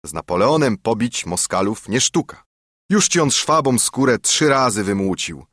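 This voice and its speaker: A man's voice: medium pitch, very animated, moderate pace, fairly bright tone, no room sound, clean studio sound. A man doing a sly old friar preaching. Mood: coaxing. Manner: persuasive, preaching. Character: wily old male friar, sly storyteller.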